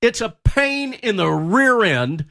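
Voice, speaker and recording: A man's voice: high-pitched, sing-song, slow pace, creaky, pushed and bright. A man co-hosting a radio show, complaining bluntly. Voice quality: blunt, ranting, politically incorrect cowboy. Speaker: radio co-host. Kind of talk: casual radio chat. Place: radio studio.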